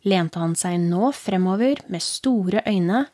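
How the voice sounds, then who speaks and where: A woman with a Norwegian accent reading a horror story aloud as a podcast host, in a calm, low, steady storytelling voice. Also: no room sound, studio quality. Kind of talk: scripted horror story narration.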